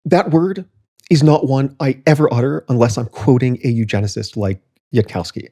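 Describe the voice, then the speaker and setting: Talkative man with a mellow voice. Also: medium pitch, moderate pace. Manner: reads quotes aloud and comments critically, frequent fillers and restarts. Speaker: podcast co-host. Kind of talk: casual podcast discussion.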